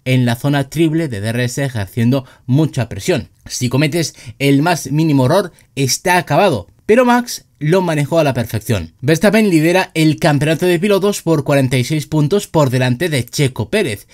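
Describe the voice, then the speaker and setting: A man narrating a scripted sports news roundup, reading quotes in an even tone. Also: on the high side, moderate pace, few pauses.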